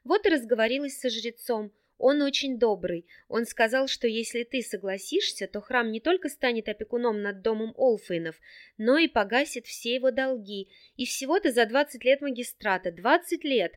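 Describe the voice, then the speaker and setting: A woman's voice: a little high, normal speed, lightly acted. A woman voicing a naive, tearful young girl who pleads breathlessly in an audiobook. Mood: eager.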